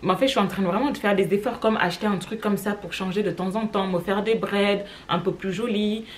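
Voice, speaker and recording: A woman's voice: mid-range voice, fairly quick, a little hiss or hum. A young woman from Cameroon with a French accent, chatting casually to her vlog audience, rambling with lots of fillers. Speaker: vlogger.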